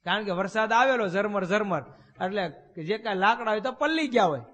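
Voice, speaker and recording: A man, a swami preaching in a temple hall, and his voice sits very high for a man. He tells folksy tales and keeps asking his listeners rhetorical questions. The sound rings with a long hall reverb. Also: expressive, brisk, a bit bright. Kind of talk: storytelling sermon.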